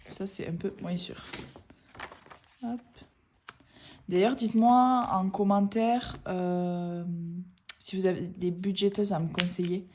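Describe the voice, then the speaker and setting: A woman's voice: medium pitch, fairly even intonation, slow, long pauses, darkish tone, slight background noise. A woman, chatting casually in a vlog, rambling with many hesitations. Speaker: budgeting vlogger. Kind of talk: casual chat.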